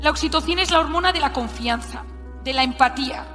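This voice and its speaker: A high-pitched woman with an accent from Spain, telling a story in a lively, animated way during a talk. Her voice rings through a large hall with a long reverb, and faint music plays underneath. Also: fast talker. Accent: Spanish (Spain). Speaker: speaker giving a talk.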